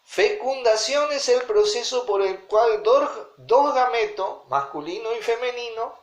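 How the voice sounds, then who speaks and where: A man's voice: very high-pitched, expressive, a little slow. A man, teaching a Bible study and checking in with his listeners often. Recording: roomy echo.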